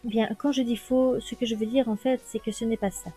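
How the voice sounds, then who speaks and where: Woman player reads a timid masked thief from a detective game; soft, stammering, apologetic, with a mellow tone over faint music. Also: a little high, steady tone, fairly quick, close to an everyday voice. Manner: hesitant, stammering, contradicts himself.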